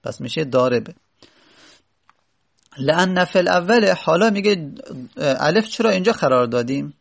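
A man teaching from an Arabic grammar text, with a somewhat high, gravelly voice. He reads a line, then explains it slowly, stopping often with hesitant fillers.

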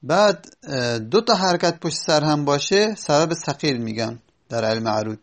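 A man's voice: fairly high pitch, expressive. A man teaching a lesson on Arabic prosody, patiently spelling out examples letter by letter with fillers. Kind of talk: spoken lecture.

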